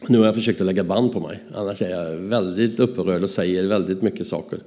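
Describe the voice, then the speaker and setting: Low, mellow Swedish man telling stories. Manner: animated, acts out dialogue in his stories. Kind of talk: anecdotal storytelling.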